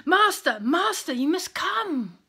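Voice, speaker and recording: A woman's voice: extremely high pitch, big pitch swings, slow, creaky, bright, forceful tone, pitched above the performer's own voice, heavily acted. A woman voicing a breathless, frantic male messenger in a children's storybook reading, pleading in a raised voice. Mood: urgent pleading.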